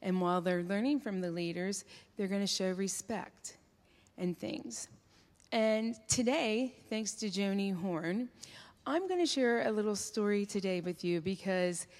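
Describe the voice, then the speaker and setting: A woman who is getting over an illness gives a gentle, chatty children's message in church, with everyday fillers. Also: mid-range voice. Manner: gentle, chatty and informal with kids, using fillers. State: recovering from illness, voice not fully back. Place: church sanctuary with long reverb. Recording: long church reverb.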